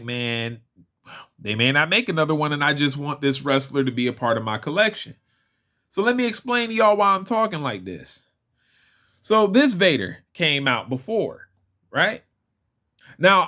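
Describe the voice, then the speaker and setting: A young man with a slightly high voice talks through a casual toy figure review. He rambles in a chatty way and keeps breaking off to restart his sentences. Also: a bit bright. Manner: chatty, rambling, self-correcting. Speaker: toy collector vlogger.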